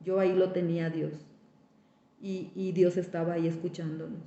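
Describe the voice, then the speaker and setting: A woman's voice: fairly low pitch, little pitch movement, moderate pace, dark tone. A woman gives a spiritual recovery testimony. She talks straight to her listeners and repeats her words for emphasis. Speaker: speaker giving a recovery testimony. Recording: echoey, dull lo-fi sound.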